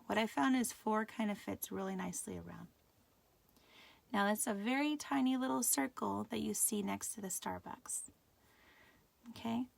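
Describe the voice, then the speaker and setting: Gravelly-voiced woman teaching a craft class. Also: on the high side, a little mellow, no room sound. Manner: patient, checks in with viewers often. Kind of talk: live class tutorial.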